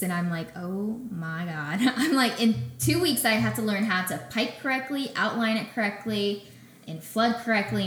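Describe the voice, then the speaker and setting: A young adult woman, a guest on an interview show, telling her story in a casual way and acting out conversations with lively back-and-forth. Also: mid-range voice, slight background noise. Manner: animated, acts out conversations in quick back-and-forth. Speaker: podcast guest, small bakery founder. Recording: roomy echoey room.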